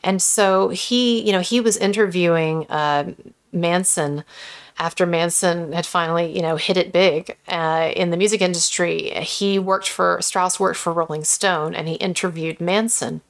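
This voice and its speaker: A woman host with vocal fry in a lowered voice, giving casual, opinionated commentary. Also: fairly even intonation, unhurried. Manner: speaks in a lowered pitch.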